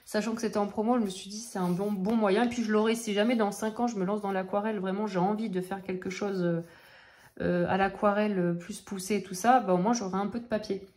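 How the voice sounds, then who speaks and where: A working mother talking quickly and tripping over her words, chatting casually at home as she shows off her art supplies to camera. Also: medium pitch, fairly even intonation, darkish tone. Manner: talks fast and stumbles over words; chatty, full of fillers and asides. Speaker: craft vlogger showing art-supply purchases. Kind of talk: casual haul chat to camera. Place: at home, with children nearby.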